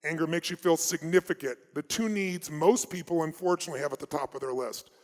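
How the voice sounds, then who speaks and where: A man with a slightly raised voice tells stories to a crowd at a motivational seminar. His delivery is emphatic, surging loud and then falling to hushed asides. The sound carries the long reverb of a large hall. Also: a little high, quick pace. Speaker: motivational speaker. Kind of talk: live seminar storytelling.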